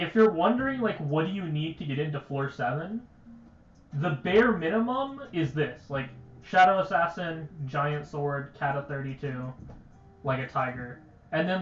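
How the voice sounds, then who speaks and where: A man's voice: on the high side, reverberant, lo-fi sound, a little hiss or hum. A young man chatting casually on a game livestream, rambling and stuttering, with lots of "like" fillers. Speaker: game streamer.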